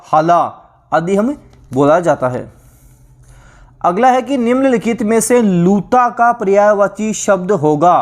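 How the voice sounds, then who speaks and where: A man with a high voice teaches an exam-prep lesson. He drills each word list aloud, repeating items over and over. He keeps putting questions to the class and answering them himself. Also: darkish tone. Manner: asks and answers his own questions.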